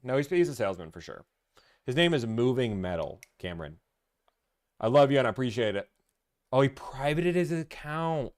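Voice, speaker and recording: A man's voice: mid-range voice, sing-song, moderate pace. A man hosting a casual live stream, rambling, teasing and answering comments from chat.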